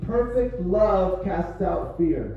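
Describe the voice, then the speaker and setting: A man in his forties preaching through an interpreter in a church hall, speaking in short encouraging phrases with pauses for translation. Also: high voice, animated, vocal fry, warm tone. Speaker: visiting preacher. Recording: echoey hall, distant and dull.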